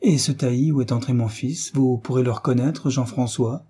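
A man's voice: mid-range voice, moderate pace, mellow, breathy edge. A man reading the part of a frightened young mother, speaking with anxious urgency.

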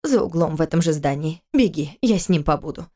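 A woman's voice: low voice, lively intonation, fairly quick, warm tone. A kindly, wry hotel cleaning woman, sympathetic and matter-of-fact, as a woman narrator voices her. She speaks plainly in a storybook reading. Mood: helpful.

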